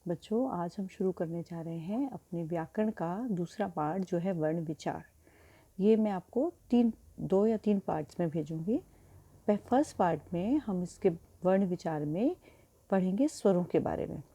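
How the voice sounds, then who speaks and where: A woman teacher giving a recorded grammar lesson to children, patient and slow as she spells out sounds. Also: fairly low pitch, expressive, warm tone, slightly rough. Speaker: school Hindi teacher.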